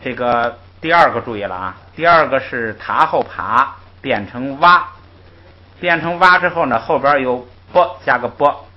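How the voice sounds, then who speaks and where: A male teacher with a medium-pitched voice lectures unhurriedly to a language class, patiently explaining rules in a lively way. He frequently interjects "ai" and leads call-and-repeat drills, modeling syllables to be repeated, all captured in muffled lo-fi audio.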